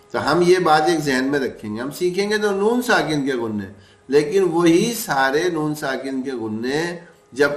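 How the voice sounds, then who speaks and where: A man teaching a recorded lesson on recitation, patient, asking rhetorical questions and slowly stretching out example words. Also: medium pitch. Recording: echoey room, mic at a distance.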